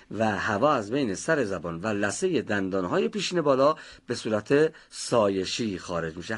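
A man's voice: on the low side, fairly bright tone. A man teaching a pronunciation class, patiently explaining how each sound is made and calling on students by name.

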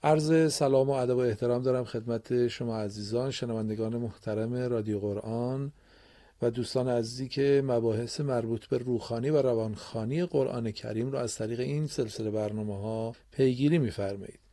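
Male radio teacher, warm mellow tone, patient and encouraging, quizzes pupils in the studio. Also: mid-range voice, steady tone. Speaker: Quran reading teacher and radio host. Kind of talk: radio classroom lesson.

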